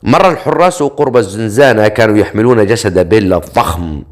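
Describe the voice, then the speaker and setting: Deep-voiced male audiobook narrator. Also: fast talker. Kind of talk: reading a dark fantasy novel aloud.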